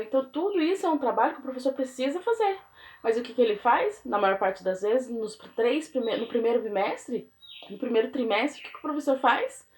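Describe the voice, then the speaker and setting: A woman with a Brazilian accent, a teacher explaining in casual talk, earnest and often checking in with her listener. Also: on the high side. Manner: earnest, keeps checking in with "né?" and "entendeu?"; acts out parents and children in quick quoted asides.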